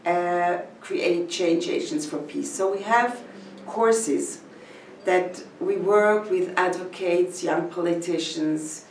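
A community educator from Switzerland, an older woman with a lowish, gravelly and roomy voice, talks to camera about her village in measured phrases separated by pauses. She's filmed indoors before a painted mural, and the distant mic in the echoey room brings a little hiss or hum.

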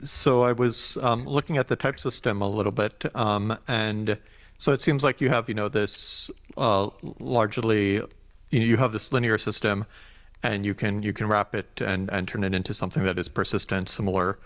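A man's voice: lowish voice, fairly even intonation, normal speed, fairly bright tone. An audience member, a man, asking a speaker tentative questions with many ums in a lecture hall. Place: lecture auditorium.

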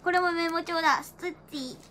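A teenage woman chatting casually on a livestream, excitable and giggly, with playful gyaru-style slang and silly sound effects. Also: extremely high pitch, a little fast. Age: teens. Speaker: idol livestreamer. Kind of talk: casual livestream chat, showing gifts. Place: small decorated room indoors. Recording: faint background noise.

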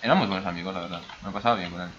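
A man's voice: sits low, very fast, a bit bright, dull audio, a little hiss or hum. A man from the Basque Country with a mixed Basque and Brazilian accent, chatting casually as he comments on his gameplay. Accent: mix of Basque and Brazilian Spanish. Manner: rambling, chatty, talks to himself. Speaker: gaming YouTuber.

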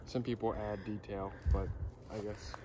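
A man on a hike, making unhurried, mildly disapproving remarks in casual chat, outdoors away from the camera. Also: lowish voice, flat delivery. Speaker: hiking companion. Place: outdoors on a wooded trail. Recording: distant from the mic, outdoor noise.

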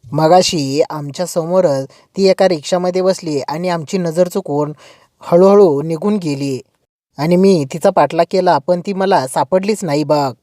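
A woman's voice: lowish voice, unhurried, dark tone, no room sound, studio quality, lightly acted. A woman voicing a suspicious middle-aged aunt who taunts and accuses. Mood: accusing.

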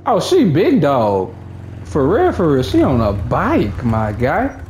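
A man's voice: on the high side, wildly swooping pitch, slow pace, a little mellow, slight background noise. A young man giving casual, playful, slangy reaction commentary while playing a video game. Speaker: gaming streamer.

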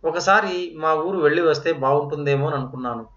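A man's voice: fairly high pitch, brisk, a bit bright, distant mic, lightly acted. A man voicing an earnest, polite young student. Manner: respectful, earnest and restrained. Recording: roomy, dull lo-fi.

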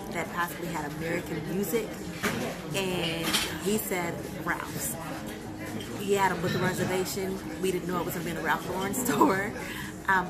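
A woman narrating a casual travel vlog with a handheld camera, chatty and relaxed, moving through a hotel room and city streets. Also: fairly low pitch. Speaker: vlogger. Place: hotel room, streets and shops, indoors and outdoors.

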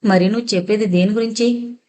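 A woman's voice: medium pitch, steady tone, brisk, dark tone, close to an everyday voice. A woman voicing a grief-stricken man breaking terrible news in a suspense audio novel. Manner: wailing, grave.

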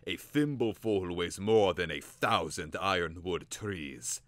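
A stern old professor with a deep, bright, forceful voice who declaims every line gravely, as a man puts him on in a storybook reading. The sound is close and dry. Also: expressive, takes it slowly, dry recording, heavily acted. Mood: solemn. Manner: solemn, declaiming.

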